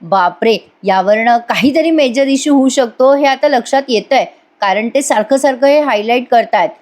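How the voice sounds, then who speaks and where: A woman giving a lively voice-over recap of a TV serial episode, speaking to her listeners as a reviewer. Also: a little high, normal speed. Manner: lively storytelling, addresses listeners.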